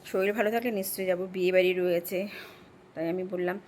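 A woman's voice: fairly low pitch, fairly even intonation, quick pace, darkish tone, slight background noise. Chatty middle-aged woman vlogging. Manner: chatty, rambling, addresses viewers as friends. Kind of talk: casual home vlog narration.

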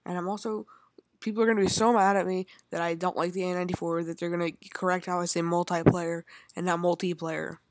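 A woman's voice: fairly low pitch, level tone, racing, no echo, clean studio sound. A young woman giving rambling, chatty commentary as she plays a video game, talking to herself and her viewers. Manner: chatty and rambling, talks to herself while playing. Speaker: gaming channel host. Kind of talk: casual gameplay commentary.

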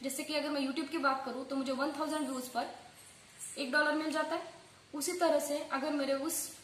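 Woman tutorial host, quick casual patter with English phrases mixed in, high voice, roomy echo. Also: fairly even intonation, a bit bright. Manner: fast-talking, mixing English phrases into her speech. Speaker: online earning tutorial host. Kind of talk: casual tutorial talk to viewers. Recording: echoey room with faint background noise.

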